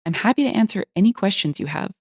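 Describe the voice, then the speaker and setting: A patient, reasonable young man who keeps his tone polite, as a woman narrator voices him. The delivery is lively, with a slight rasp, and the sound is close and dry. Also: mid-range voice, fast, no room sound. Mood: calm, polite. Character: calm, polite young man defending himself.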